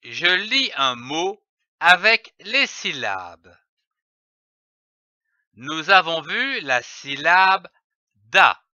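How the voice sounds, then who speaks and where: A man giving a reading lesson, slowly spelling out letters and syllables with careful articulation. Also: fairly high pitch, big pitch swings, pushed and bright, dry recording. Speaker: reading teacher. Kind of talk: slow, deliberate phonics lesson. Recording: dull, dry lo-fi voice-over.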